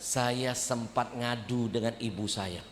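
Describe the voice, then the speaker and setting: A male preacher telling a story in a sermon, in an animated, comic way. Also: mid-range voice, slow pace, a little hiss or hum. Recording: echoey hall, faint ambience.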